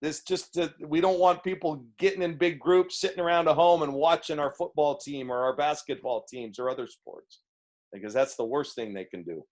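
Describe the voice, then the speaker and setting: A head coach with a booming, darkish voice takes press questions on a video call, answering earnestly but haltingly with frequent restarts.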